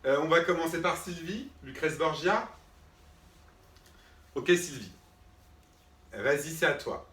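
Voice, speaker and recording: A man's voice: a little high, takes it slowly, pauses often, fairly bright tone. A man playing an irritated drama teacher who talks to unseen students, patient at first and then fed up, always asking if they agree. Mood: exasperated. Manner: patient then irritated, keeps checking with "d'accord?". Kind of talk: comic one-man sketch. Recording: roomy sound, mic far off.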